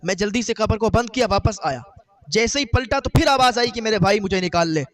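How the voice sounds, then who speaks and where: A man delivers a sermon as a story, his high voice climbing in dramatic, emotional bursts. He voices the people of the tale as he goes. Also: lively intonation, fairly bright tone. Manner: dramatic, quoting characters in rising emotional bursts. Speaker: preacher.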